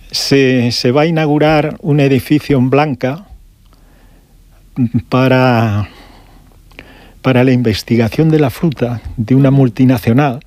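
An older man from Galicia, a guest shop owner telling his story slowly on a radio interview, with pauses and restarts. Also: medium pitch, darkish tone, no echo. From Galicia, Spain. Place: radio studio.

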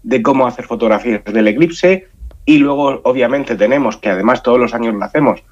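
A man's voice: medium pitch, a little fast. A man from Spain with a nasal voice stuffed up by a cold, explaining things conversationally in a radio interview and often repeating words. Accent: Spanish from Spain. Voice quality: nasal, congested. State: has a head cold. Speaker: science outreach association spokesman, radio guest. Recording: muffled, dull band-limited sound.

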